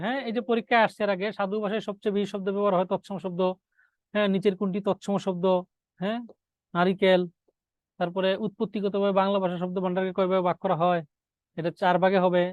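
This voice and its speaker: High-voiced man dictating exam notes. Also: no echo, dull audio. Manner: repeats key points as questions to students, then answers them; dictates notes, slowing on key words. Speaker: teacher. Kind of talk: exam-prep grammar lecture.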